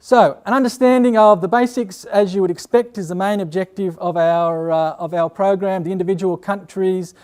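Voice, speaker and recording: An Australian man giving a university open day talk as a lecturer, measured and pausing often with "uh". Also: high-pitched, steady tone, darkish tone, smooth. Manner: measured, with frequent "uh" pauses.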